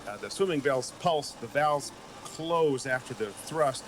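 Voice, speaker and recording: A man's voice: mid-range voice, animated, measured pace, slight background noise. A man, an oceanographer, talking with colleagues as he works and observes. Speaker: oceanographer at work. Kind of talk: working talk with colleagues.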